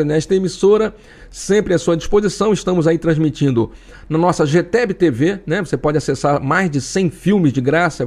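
A Brazilian man hosts a talk show in a fairly high voice. He speaks in a chatty, joking way and acts out imagined listeners. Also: a little mellow. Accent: Brazilian Portuguese. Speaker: radio and web show host. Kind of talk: casual talk show monologue.

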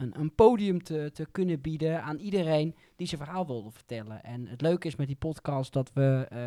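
A man's voice: fairly high pitch, a little mellow, no echo, studio quality. A man hosting an informal radio and podcast interview in a conversational way.

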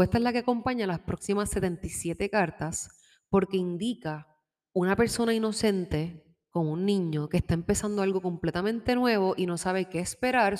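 A woman giving a casual tarot reading, chatty and warm in tone, slipping English words into her talk and laughing easily. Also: mid-range voice, in a large hall. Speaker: tarot reader. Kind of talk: casual spiritual guidance talk. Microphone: microphone with headphones.

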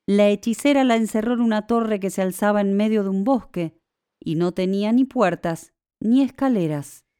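A woman narrating a classic fairy tale in a measured storytelling manner. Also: on the high side, mellow, smooth, no echo, clean studio sound.

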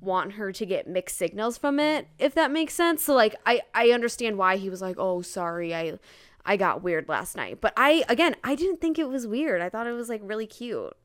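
A woman co-hosts a podcast, chatting casually about a romance novel in a mid-range, animated voice at a moderate pace. She gushes and stresses her points, filling her talk with "like" and other informal, youthful phrasing.

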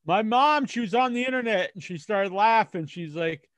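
An American man chatting casually as a podcast co-host, telling things in a rambling, halting way with false starts. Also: sits high, animated, fairly bright tone, dry recording. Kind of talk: casual chat.

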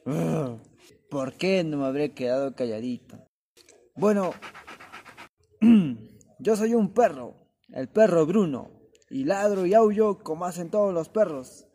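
A man's voice: on the high side, lively intonation, takes it slowly, long pauses, mellow, exaggerated voice. A man voicing a dim-witted, fretful dog in a children's audio story, whiny and easily startled. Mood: reluctant.

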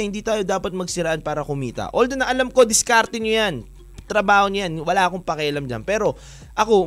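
A man hosting an online radio-style show, chatting and telling a story to his listeners in a lively, animated way. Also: a little high. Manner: animated, keeps calling listeners "mga kawan". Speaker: DJ host.

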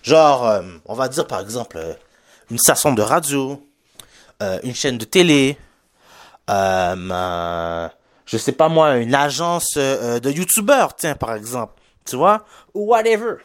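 A young Québécois podcast host with a slight Haitian lilt rambles through a solo monologue, full of fillers, restarts and English slang. His pitch swings up and down with plenty of life, but he takes his time with the words. The recording is close and dry, with no room sound. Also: big pitch swings, unhurried, dry recording. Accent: Québécois French with a slight Haitian touch. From Quebec.

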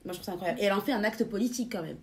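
A young woman co-hosting a casual podcast, bubbly, laughing often and filling pauses with hesitations. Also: medium pitch. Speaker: podcast co-host.

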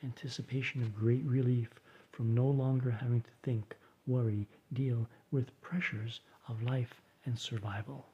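A man reading reflections and a recipe aloud in a soft, often whispered voice, with dry deadpan asides. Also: medium pitch, unhurried, few pauses, muffled recording, slight background noise.

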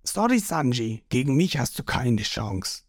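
A man voicing a grim young male pirate fighter who speaks low and quietly with menace, in a read-aloud manga story. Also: big pitch swings, measured pace, dry recording, clean studio sound. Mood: cold.

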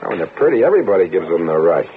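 Low-voiced flirtatious diner customer, tinny radio. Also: male voice, sing-song, racing. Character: chatty, flirtatious ordinary male diner customer. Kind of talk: old radio drama acting. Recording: tinny noisy old radio recording.

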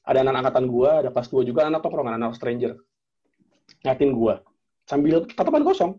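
Young guy chatting, tells his story all animated, husky voice, kinda muffled lo-fi audio. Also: medium pitch, quick pace. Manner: animated, acts out quoted dialogue, lots of slang and fillers. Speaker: guest telling a personal story. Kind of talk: casual storytelling chat.

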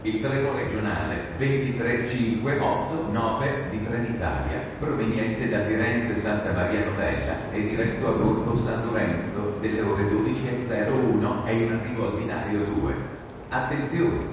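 A man giving a formal train station loudspeaker announcement in a measured announcing manner. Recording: echoey station hall, distant, lo-fi, rumble.

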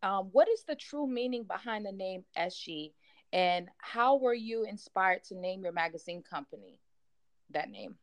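A woman interviewer asking formal questions in a polite, somewhat halting way. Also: medium pitch, animated, no room sound.

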